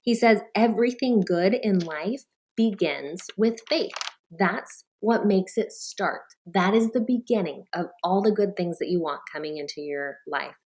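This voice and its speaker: A woman's voice: mid-range voice, measured pace, darkish tone. A woman coach in her thirties telling a personal story to an audience of mothers, acting out her own thoughts along the way. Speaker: life coach. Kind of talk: talk to an audience of moms.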